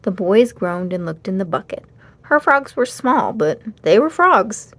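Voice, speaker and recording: A woman reads a children's storybook aloud, narrating expressively in a read-aloud style. Her voice sits at medium pitch and her pace is measured.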